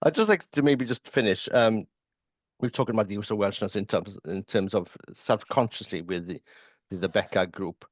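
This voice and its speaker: A man's voice: lowish voice, moderate pace, no room sound, highs cut off. A man interviewing a guest, thinking aloud and repeating words as he shapes his questions. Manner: thoughtful, repeats words while forming questions. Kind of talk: conversational interview.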